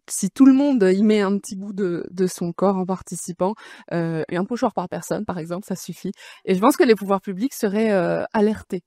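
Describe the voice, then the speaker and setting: A woman's voice: lowish voice, mellow, no echo, studio quality. A woman on a panel giving an unscripted account from her own experience. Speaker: panel speaker.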